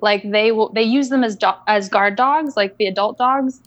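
Her voice fairly high, a young woman from Indonesia shares her story as a guest coach in a casual interview. She sounds reflective and unhurried, with soft laughter throughout. The audio is dull but has no echo.

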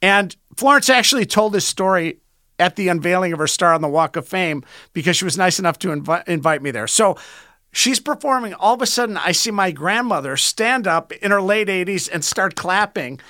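High-voiced, bright man swapping anecdotes. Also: expressive, fairly quick, no room sound, clean studio sound. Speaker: talk show guest telling anecdotes. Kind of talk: casual anecdotal chat.

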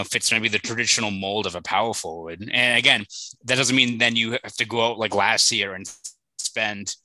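A man with a Boston accent hosting a casual sports podcast, talking quickly and often using "like" and "right?". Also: lowish voice, bright, forceful tone, no room sound, rough recording. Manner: fast, filler-heavy, uses "like" and "right?" often. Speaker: podcast host.

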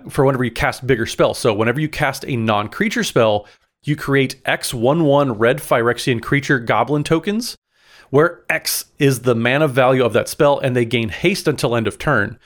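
Upbeat male podcast co-host. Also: mid-range voice. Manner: enthusiastic, reads card text aloud. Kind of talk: casual podcast chat.

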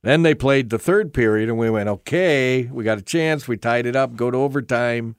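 A man's voice: medium pitch, normal speed, smooth, no room sound, clean studio sound. A man with a Canadian accent co-hosting a radio show, mixing casual chat with show promotion. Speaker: radio co-host.

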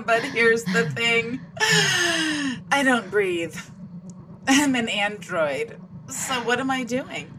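A teasing mind-reading android. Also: female voice, a little high, very animated, very slow, pauses often, noisy background, full character voice. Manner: teasing, mocking, laughs between lines. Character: playful mind-reading female android, taunting. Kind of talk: audio drama acting.

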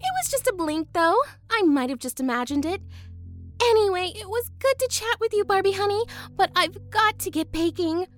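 Baby-doll-voiced preschool teacher, gushy, cooing, very high, bouncy. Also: female voice, expressive, normal speed, faint music behind. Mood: chipper cooing. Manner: cooing, sweetly condescending. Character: gushy, chipper young woman preschool teacher. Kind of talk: audio drama acting.

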